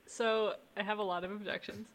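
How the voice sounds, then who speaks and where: A woman's voice: mid-range voice, steady tone, a little fast. A woman appearing as a guest on a film review podcast, talking casually with wry, vivid complaints. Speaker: special guest.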